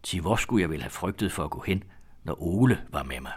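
A man narrating an old story as an audiobook reading, in a measured, descriptive manner. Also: low voice, animated, darkish tone, husky.

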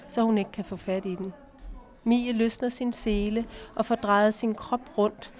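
Calm woman narrating an audiobook. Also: medium pitch.

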